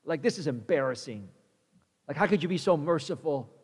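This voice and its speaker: A man's voice: on the high side, expressive, a little fast, breathy edge, big-room sound. A man voicing an angry adult male prophet who complains bitterly and pities himself. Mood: angry sulking. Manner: bitter, self-pitying complaint.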